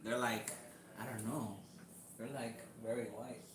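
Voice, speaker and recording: A man hosting a casual livestream from his kitchen, chatting slowly and greeting viewers one by one by name. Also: medium pitch, level tone, roomy sound, crowd noise. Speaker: livestream host.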